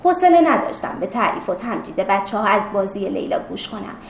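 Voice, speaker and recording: A woman's voice: mid-range voice, big pitch swings, creaky, roomy sound, a little hiss or hum. A woman narrating a story expressively and acting out the characters' voices. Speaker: story reader.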